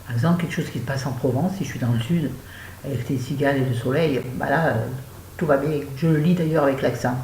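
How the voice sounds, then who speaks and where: A woman's voice: extremely low pitch, fast talker, a little mellow. An older woman from France chatting about books in a rambling, self-mocking, exclamatory way, recorded at home. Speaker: book vlogger. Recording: echoey room with faint hum.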